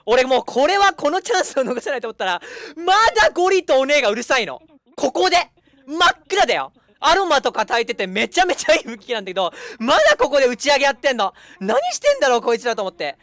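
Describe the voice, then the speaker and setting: A young man chatting casually as a streamer, telling a long story in an animated way and acting out the people in it. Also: extremely high pitch, fast, no echo. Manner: animated, acts out quoted people.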